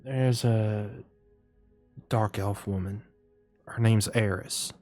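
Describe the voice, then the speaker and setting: A man voicing a flirty, nervous wood elf courtesan woman who talks in a hushed, secretive way. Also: extremely low pitch, moderate pace, slightly rough, faint music behind. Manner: hushed, secretive, sometimes snappish.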